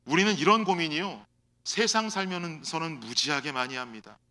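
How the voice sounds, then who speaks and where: A man preaching a sermon as pastor, swinging between loud exhortation and hushed, low asides. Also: moderate pace. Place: church sanctuary.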